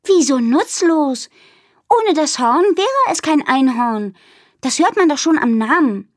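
A woman reading aloud voices a young know-it-all girl who lectures in a high, easily irritated voice. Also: lively intonation, a little slow, dry recording, clean studio sound.

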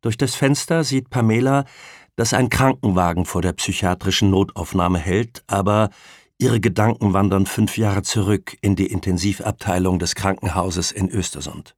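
A man narrating an audiobook in a steady, measured way. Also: deep voice, dry recording, clean studio sound.

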